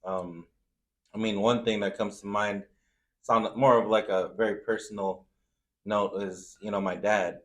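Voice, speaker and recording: Speaking a little slowly in a fairly low, steady voice, a Zambian-born man now in the US shares anecdotes in a casual interview about his life as a food truck owner. His style is informal and full of slang, with frequent "you know"s.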